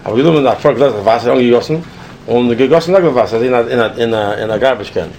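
Man, storyteller, gravelly, mid pitch, animated, mixes languages. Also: fast, a little hiss or hum. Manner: animated, restarts and repeats, switches between languages. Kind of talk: personal anecdote, casual.

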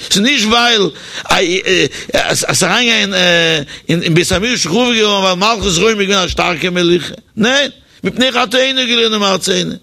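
Man, high gravelly voice, animated sermon storyteller with a hesitant, repeating delivery. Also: normal speed. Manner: animated storytelling, changing pitch for the people in the story; hesitant, with repeated words and fillers.

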